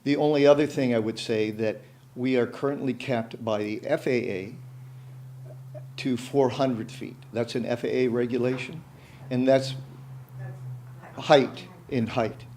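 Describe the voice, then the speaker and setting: Man at a public meeting, mid-pitched, hesitant delivery full of fillers, earnest pitch. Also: fairly even intonation, darkish tone, a little hiss or hum. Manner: halting, many fillers and restarts. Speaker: club representative at public meeting. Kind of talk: unscripted public comment. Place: city commission meeting room.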